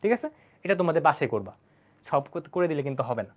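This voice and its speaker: A man's voice: fairly high pitch, animated, fast. A young man teaching math in an online lecture, chatty and asking his students questions as he goes. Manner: chatty, talks straight to students, asks them questions. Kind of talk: online exam-prep lecture.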